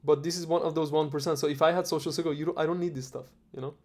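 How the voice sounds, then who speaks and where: A man from Iran in a casual chat, relaxed and rambling, swearing often. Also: on the high side, racing.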